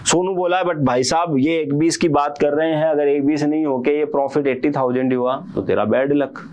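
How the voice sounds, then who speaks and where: A man's voice: on the high side, steady tone, normal speed, a little mellow, highs cut off. A young male teacher explains an accounting idea through a playful story, giving each character a short quoted voice. His talk is easygoing and chatty, and he keeps checking that his students follow along. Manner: acts out partners' quarrels with a CA in quoted voices; checks in often with repeated questions. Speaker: commerce teacher. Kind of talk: casual Hindi lecture with playful storytelling.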